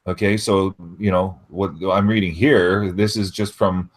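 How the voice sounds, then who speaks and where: Deep-voiced man in his forties. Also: level tone, a little slow. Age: 40s. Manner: reads news aloud with hesitant fillers. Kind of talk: casual group voice chat.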